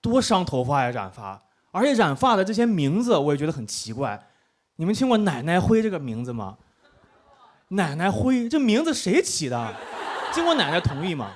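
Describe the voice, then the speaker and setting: A man's voice: fairly high pitch, sing-song, moderate pace. Self-mocking young man doing stand-up. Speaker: stand-up comedian. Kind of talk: stand-up set on stage. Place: comedy stage with live audience.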